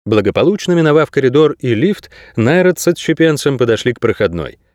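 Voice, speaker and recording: A man narrating an audiobook in a steady, expressive storytelling manner. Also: mid-range voice, brisk, dry recording, clean studio sound. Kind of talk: scripted narration.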